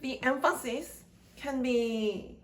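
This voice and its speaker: A woman teaching English grammar in a slow lecture, speaking in short, deliberate chunks. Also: sits high.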